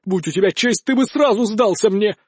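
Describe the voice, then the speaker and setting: A raised, strained voice of an arrogant nobleman who brags and yells, then begs for his life, as an audiobook narrator puts him on. The tone is high and loud with a close, dry sound. It is a storybook villain who is all bluster and little courage. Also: a little fast, breathy edge, dry recording. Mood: furious. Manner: shouting, boastful then pleading. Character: arrogant cowardly noble male duelist. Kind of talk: audiobook character voice.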